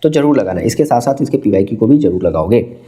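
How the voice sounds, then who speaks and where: A man's voice: lowish voice, animated, fast, warm tone. A male math teacher, explaining a geometry lesson step by step and quizzing his students. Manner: mixes Hindi with English terms.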